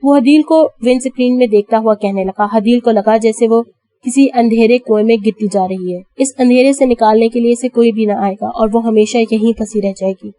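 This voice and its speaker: A woman narrating an Urdu audio novel dramatically, voicing characters' cries and shouts. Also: fairly high pitch, no room sound.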